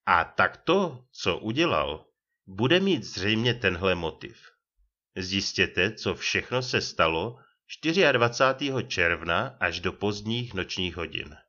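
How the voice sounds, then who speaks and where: A man voicing a gruff, blunt retired old private detective who growls his words in colloquial speech. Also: sits low, sing-song, sharp tone, muffled recording, heavily acted. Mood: scheming. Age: older.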